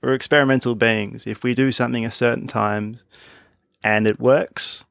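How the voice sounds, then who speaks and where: A man's voice: mid-range voice, steady tone, normal speed, gravelly, fairly bright tone, dry recording, studio quality. A man co-hosting a sports podcast, talking in a thoughtful, musing way and laughing easily. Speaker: podcast co-host. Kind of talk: casual chat.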